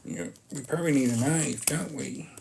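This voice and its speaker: A live stream host chatting casually while showing off items, halting and often breaking off to greet viewers, with some noise and clicking. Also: medium pitch, vocal fry. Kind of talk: casual live stream chat while unboxing oracle cards.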